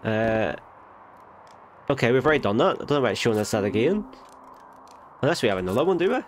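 A gaming host, nasal from a recent cold, rattles through casual let's play commentary at a quick pace, expressive and medium-pitched. He chats freely, revising his words and thinking out loud, with a bit of background noise.

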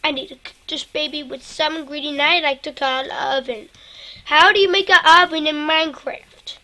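A woman giving casual gameplay commentary, excitable and prone to panicky outbursts and yelling. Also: high voice, normal speed. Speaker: gamer.

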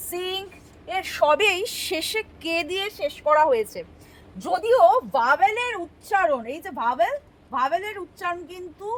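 A woman's voice: very high voice, a bit bright. A woman teaching English spelling rules step by step, patient and asking her students questions as she explains. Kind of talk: spoken English spelling lesson.

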